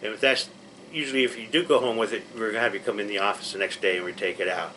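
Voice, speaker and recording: A man's voice: lowish voice, fairly even intonation, very fast, sharp tone, a little hiss or hum, low-quality recording. A man teaching a pre-surgery class, explaining things in a plainspoken, reassuring way with frequent restarts. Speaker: patient educator.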